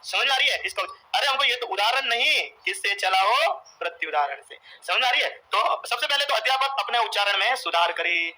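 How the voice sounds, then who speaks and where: A male coaching teacher lecturing a class. He dictates points, repeats them slowly for note-taking and quizzes the students. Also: sits high, animated, sharp tone, a little hiss or hum, poor audio.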